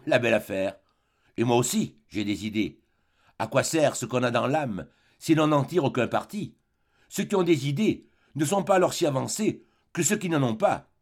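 A man's voice: mid-range voice, expressive, moderate pace, lightly acted. A man voicing a fierce, jealous old spinster woman who scolds in a brusque, bossy way. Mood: scolding.

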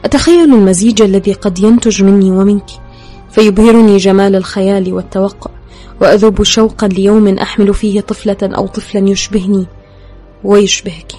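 A woman's voice: mid-range voice, dark tone. A woman reading a novel aloud in an intimate first-person style. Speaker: audiobook narrator. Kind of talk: scripted narration.

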